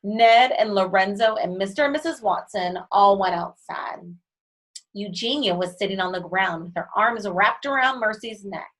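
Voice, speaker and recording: A woman's voice: medium pitch, normal speed, a bit bright, poor audio. A woman reads a children's storybook aloud. She breaks in now and then with chatty asides of her own. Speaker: reader. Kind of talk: reading a children's book aloud.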